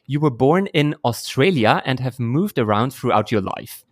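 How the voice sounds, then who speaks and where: A man's voice: medium pitch, expressive, moderate pace. A man hosting a podcast, asking questions in an upbeat, friendly way. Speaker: podcast host. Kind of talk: interview hosting.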